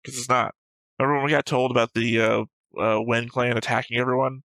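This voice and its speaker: He co-hosts an anime reaction show, casually dissecting points and arguing them plainly. The medium-pitched voice barely moves in pitch, runs a little fast and sounds a bit bright, captured dry with no echo but poor audio.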